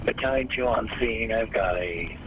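Low-voiced fire chief on noisy radio. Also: male voice, normal speed, lo-fi sound. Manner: terse, procedural. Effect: two-way radio. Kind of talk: radio incident size-up. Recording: noisy fireground radio traffic.

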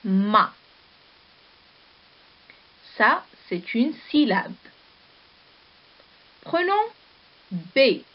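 A woman teacher giving a slow, deliberate lesson, spelling out letters and syllables one at a time. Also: on the high side. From Morocco. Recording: dull lo-fi video recording.

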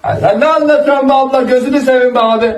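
A man putting on a shrill falsetto voice as a whiny, panicky young male player, pleading and shouting. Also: fast talker. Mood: mocking. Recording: echoey, loud noisy background.

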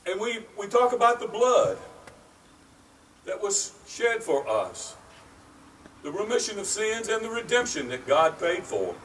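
A middle-aged man preaching a sermon at an outdoor pulpit beside a brick church, speaking slowly and earnestly with pauses, picked up by a distant camera microphone. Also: sits high, big pitch swings, fairly bright tone. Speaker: pastor. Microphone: far camera, at a wooden pulpit. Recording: distant outdoor mic, faint noise.

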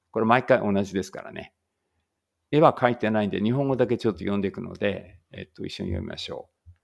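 A man teaching a casual English read-aloud lesson, chatty and correcting himself as he goes, reading English sentences slowly. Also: on the low side, creaky.

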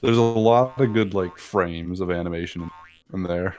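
A woman with a rumbling low, darkish voice streams a video game from home at a normal speed, using a headset mic. In her casual let's-play commentary she chats, swears, laughs, and reads the on-screen text aloud.

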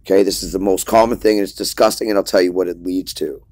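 A man's voice: low voice, steady tone, fast, a little mellow, dry recording. A man preaching informally in an emphatic, lecturing way, often repeating his points.

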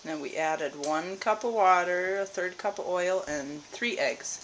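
A woman's voice: on the low side, measured pace, fairly bright tone. A young woman chatting casually as a mother filming a family vlog, with a playful, teasing manner. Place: kitchen at home, then moving car. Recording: noisy handheld camera audio.

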